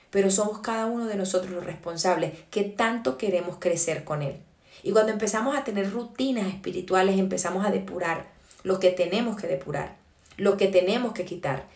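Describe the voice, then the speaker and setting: A woman preaches an early-morning devotional in an earnest, emphatic way. She slows down to stress key phrases and asks her listeners questions. Her mid-range voice rings in a noticeably echoey room. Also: mid-range voice, gravelly, darkish tone.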